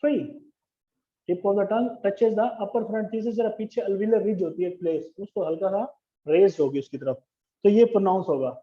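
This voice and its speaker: A man's voice: high-pitched, normal speed. A man teaching English grammar in a classroom lecture, explaining step by step and asking the class questions. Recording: dull lo-fi classroom recording.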